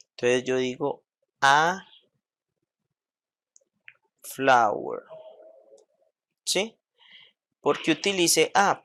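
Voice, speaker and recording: A man teaching English grammar in Spanish, who says each English example slowly and often checks with "¿sí?" and "¿cierto?". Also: mid-range voice, a bit bright. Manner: checks understanding with frequent "¿sí?" and "¿cierto?". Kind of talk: slow classroom explanation of grammar.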